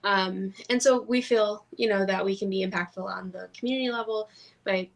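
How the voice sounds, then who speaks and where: A woman co-hosting a casual livestream from home, talking in an earnest, measured, thoughtful way. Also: medium pitch, fairly even intonation, creaky, low-quality recording. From lives in Florida. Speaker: channel co-host.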